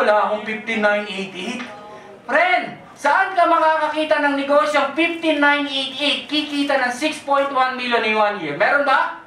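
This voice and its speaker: A presenter giving a sales pitch at a business event, firing quick questions and jokes at the audience. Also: pushed and bright. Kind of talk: lively sales pitch, mixing Tagalog with English. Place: indoor event hall with a live audience. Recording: echoey event hall, voice far from the mic.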